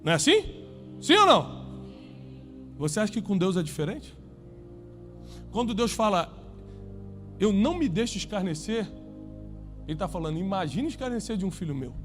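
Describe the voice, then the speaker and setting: A man with a Brazilian Portuguese accent preaching a sermon to a congregation, emphatic, with rhetorical questions and climbs toward near-shouts. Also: high-pitched, big pitch swings, moderate pace, long pauses, soft background music. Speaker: pastor. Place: church before a congregation.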